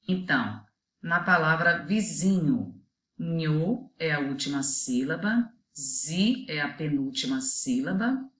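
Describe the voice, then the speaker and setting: Slow, low-voiced woman teacher. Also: a bit bright. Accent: Brazilian Portuguese. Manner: slow, deliberate, spells out example words one by one. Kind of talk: children's video lesson. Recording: echoey room.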